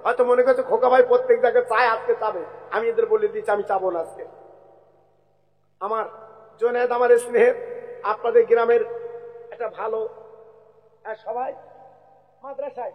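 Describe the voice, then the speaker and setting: Hoarse high-pitched preacher with hall echo. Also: male voice, steady tone, moderate pace, long pauses. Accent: West Bengal Bengali. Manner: addresses crowd directly, calls for takbir chants. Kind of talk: sermon. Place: large outdoor religious gathering.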